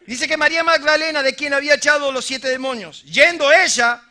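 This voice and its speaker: A male preacher with a Rioplatense accent and a very high, piercing, sharp-edged voice. He preaches dramatically and cracks jokes, jumping between loud bursts and hushed, almost whispered lines. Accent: Rioplatense Spanish. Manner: dramatic, swings from loud outbursts to hushed murmurs, joking asides. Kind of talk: sermon.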